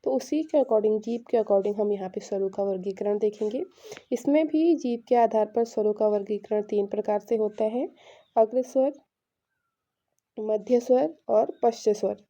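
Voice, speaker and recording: A woman's voice: medium pitch, normal speed, mellow, lo-fi sound. A woman teaching an exam-prep lesson, explaining patiently and answering her own questions.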